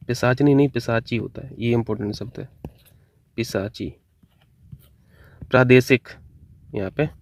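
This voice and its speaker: Man teaching a brisk Hindi spelling lesson. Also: mid-range voice, darkish tone. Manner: brisk, repetitive, correcting words one by one. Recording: dull, dry lo-fi recording.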